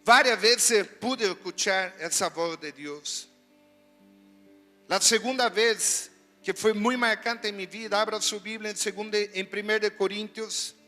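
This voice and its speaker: A man preaching a sermon as pastor, animated and full of rhetorical questions, in a church hall. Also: high voice, unhurried. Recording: reverberant hall with soft music.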